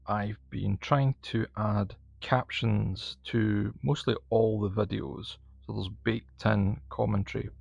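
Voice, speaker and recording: Low, gravelly man with broad Scottish accent. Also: steady tone, takes it slowly, hardly any pauses, a little mellow. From Scotland. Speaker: tutorial host. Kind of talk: casual step-by-step video tutorial narration. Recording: echoey room, slightly dull sound.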